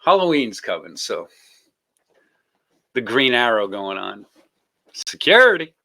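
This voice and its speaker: A man's voice: medium pitch, big pitch swings, unhurried, creaky, bright, forceful tone. A man hosting a casual live stream, joking, laughing and rambling as he greets his guests.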